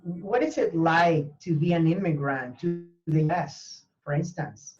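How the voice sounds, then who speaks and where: A man's voice: on the high side, unhurried. Guy, earnest teacher chatting on a video call, lots of ums and restarts, muffled lo-fi sound. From Venezuela. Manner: earnest, hesitant with many fillers and restarts. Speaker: language teacher, university professor. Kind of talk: conversational interview.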